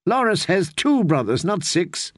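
A man's voice: sits high, big pitch swings, measured pace, no echo, studio quality, pitched above the performer's own voice, full character voice. A man reading an audiobook, voicing a young queen who is frightened and indignant. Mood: scornful. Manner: heated, indignant pleading.

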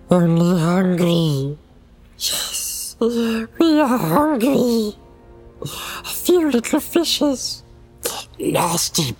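A woman voicing a wretched, hungry, fawning creature in an audiobook, with a creaky, hissing whisper that whimpers and swoops in pitch. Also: a little mellow, full character voice. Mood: whining. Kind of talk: audiobook character voice.

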